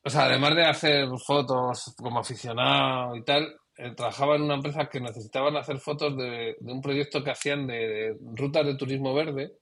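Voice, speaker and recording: Speaking fairly quickly with few pauses, this middle-aged Spanish photographer reflects on his professional life as a guest in a conversational interview, often trailing off and restarting. His mid-range voice is steady, a bit bright, with a breathy edge.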